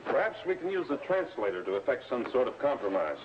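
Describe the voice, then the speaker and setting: Man playing a fast, commanding American space hero. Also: mid-range voice, sing-song, lightly acted. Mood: decisive. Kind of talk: 1950s sci-fi serial acting. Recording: dull, noisy old film soundtrack.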